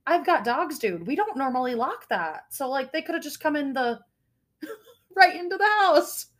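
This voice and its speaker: This young woman's voice is high and nasal, and her pace is moderate as she co-hosts a podcast and shares a story in casual talk. She is animated, curses a lot, and tells the story breathlessly.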